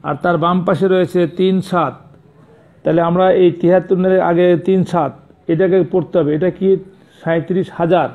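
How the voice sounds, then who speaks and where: A man's voice: sits high, fairly even intonation, moderate pace. A man teaching a math lesson to young pupils, patient and repetitive, stopping to correct how numbers are said and spelled. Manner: patient, repeats and corrects pronunciation. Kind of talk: classroom lesson. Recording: tinny phone-like sound.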